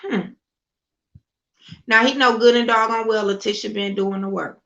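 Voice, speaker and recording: A woman's voice: fairly high pitch, fairly even intonation, moderate pace, a bit bright. A woman giving a fiery, sarcastic political monologue, hammering home points with repeated rhetorical questions, on a slightly dull lo-fi recording. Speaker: political commentator.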